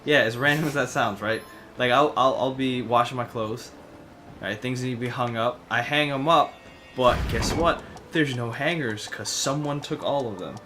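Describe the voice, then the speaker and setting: A man's voice: medium pitch, normal speed, background noise. A man co-hosting a let's play, talking in a loose, casual conversational style. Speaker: gaming show co-host. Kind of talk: casual chat.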